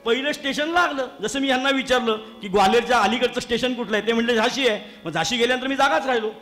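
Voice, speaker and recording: Extremely high-pitched and quick, a man from Maharashtra, India, leads a kirtan in a temple hall. As a preacher, he performs a humorous storytelling sermon for a live audience, speaking to them directly and chuckling at his own humor.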